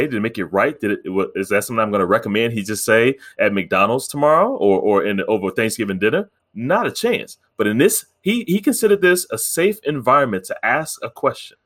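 A man, a therapist, calmly recounting a session with a client, earnest and measured, with frequent fillers and restarts. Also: medium pitch. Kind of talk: reflective storytelling talk.

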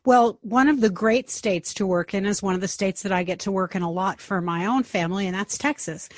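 A woman's voice: mid-range voice, fairly quick, dry recording, clean studio sound. A woman talking emphatically and expressively in a conversational interview. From Long Island, New York. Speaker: interviewer, genealogist.

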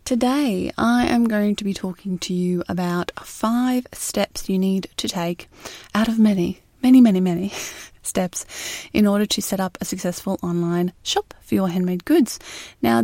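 A woman's voice: medium pitch, normal speed, mellow, dry recording, clean studio sound. An Australian woman hosting a podcast in casual solo talk, recorded inside a closet. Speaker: podcast host.

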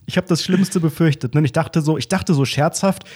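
A man co-hosting a podcast, casually telling a lively anecdote and acting out the dialogue as he goes. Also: fairly high pitch, fairly quick, slightly rough. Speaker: podcast co-host. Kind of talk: casual chat, storytelling.

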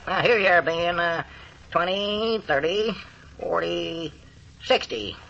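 An actor playing a kindly, gullible man, folksy and halting, in a 1940s radio comedy. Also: sits high, vocal fry, sharp tone, heavily acted. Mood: generous. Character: kindly, gullible, easily puzzled rural storekeeper type. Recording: dull, muffled 1940s radio recording.

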